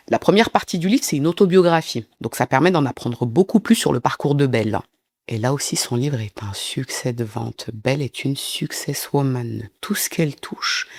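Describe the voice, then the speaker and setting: A man's voice: on the high side, gravelly, darkish tone, no room sound, clean studio sound. A man telling a true-crime story in a casual, chatty way, breaking off for asides to his viewers.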